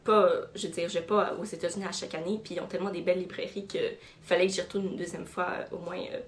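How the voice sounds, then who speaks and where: A woman's voice: on the low side, flat delivery, quick pace. Chatty Québécois woman in an echoey room. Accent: Québécois French. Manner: chatty, many fillers and self-corrections. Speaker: book vlogger. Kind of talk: casual book haul chat. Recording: roomy echo in a room.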